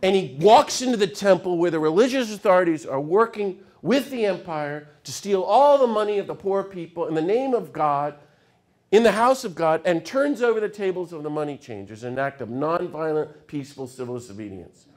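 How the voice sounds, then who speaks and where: A middle-aged man giving a public lecture, telling stories with sudden swings from hushed asides to loud, fired-up passages. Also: sits high, lively intonation, brisk. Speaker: speaker.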